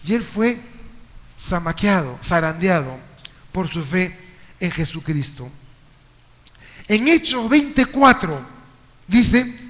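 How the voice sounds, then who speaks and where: Male pastor with a high voice, preaching in a lively storytelling way, recorded live in a hall with long reverb. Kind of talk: sermon. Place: church hall.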